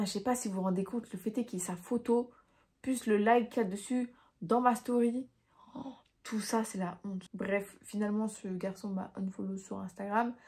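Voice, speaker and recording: Young woman, vlogger, chatty and expressive, slangy self-mocking storyteller. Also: mid-range voice. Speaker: vlogger telling personal stories. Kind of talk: casual storytelling to camera.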